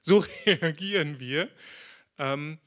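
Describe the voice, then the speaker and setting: A man preaching a sermon in a conversational, lively way, acting out quotes as he tells the story. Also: on the high side, takes it slowly.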